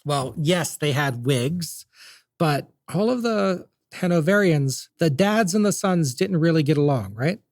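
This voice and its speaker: A man's voice: a little high, animated, unhurried, dry recording, clean studio sound. Chatty man explaining history. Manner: chatty, jokey storytelling. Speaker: podcast host.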